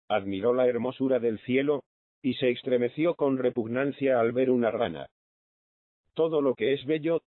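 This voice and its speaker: Brief: male reader doing a gentle, caring young lady for an audiobook, lo-fi thin sound. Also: mid-range voice, dry recording, lightly acted. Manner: tender, eager, caring. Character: kind, gentle young lady of wealth, woman. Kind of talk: audiobook reading.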